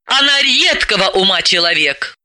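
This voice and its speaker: A man reading an audiobook, voicing a timid, indignant young woman sleuth in a high, breathless, exclaiming voice. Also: big pitch swings, normal speed, bright, forceful tone, no echo, studio quality, full character voice.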